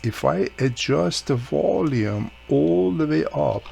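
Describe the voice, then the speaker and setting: A fairly high, warm, gravelly male voice with lively intonation moves slowly through an informal, hands-on repair. Slight background noise sits behind him. He's a hobbyist fixing radios and presenting his own how-to video, explaining each step while he works.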